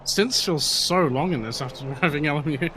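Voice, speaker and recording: A man's voice: on the high side, moderate pace, fairly bright tone, slight background noise. A man on team voice chat during a sim race, cracking goofy, sarcastic jokes. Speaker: team driver.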